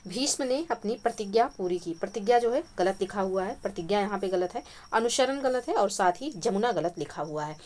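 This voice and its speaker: A woman takes listeners through exam questions one by one in a calm, explanatory lesson. She repeats each correct answer for emphasis. Crickets chirp faintly outside her home at night. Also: medium pitch. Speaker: Hindi exam-prep teacher. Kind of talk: spoken quiz lesson.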